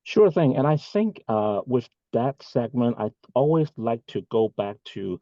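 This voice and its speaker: A man's voice: mid-range voice, expressive, unhurried, dark tone, no echo, highs cut off. A man, giving earnest, rambling answers as an interview guest over a video call. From Hong Kong. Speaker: guest, bank executive. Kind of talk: casual interview talk.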